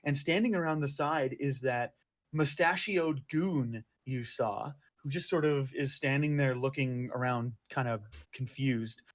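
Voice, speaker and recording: A man's voice: medium pitch, a little slow. A man running a tabletop game as game master, describing scenes with many fillers and restarts.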